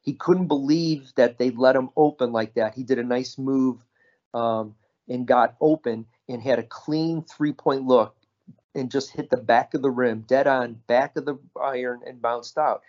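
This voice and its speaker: A man's voice: medium pitch, a little slow. Chill podcast guy telling stories, mid voice, kinda muffled lo-fi audio. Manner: relaxed storyteller, frequent "you know" and "right?". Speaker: podcast co-host. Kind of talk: casual podcast chat.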